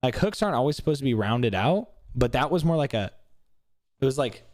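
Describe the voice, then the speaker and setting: A man's voice: medium pitch, animated, a little fast, darkish tone, no echo, studio quality. A young man casually reacting to footage of his own boxing match, swearing often and picking apart his mistakes.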